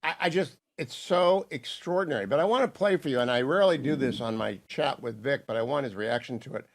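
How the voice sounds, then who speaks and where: A man in his sixties hosting a radio talk show, hoarse from laryngitis, brisk and opinionated. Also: mid-range voice. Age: 60s. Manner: brisk, opinionated, reads ad copy.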